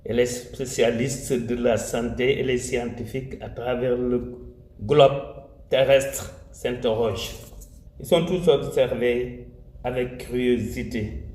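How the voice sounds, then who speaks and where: Slow, solemn Senegalese-accented man. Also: mid-range voice, steady tone, darkish tone. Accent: Senegalese French. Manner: solemn and emphatic, repeats key phrases; mixes Wolof phrases into French. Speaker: religious community speaker. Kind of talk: formal commemorative address. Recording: roomy echo, faint ambient noise.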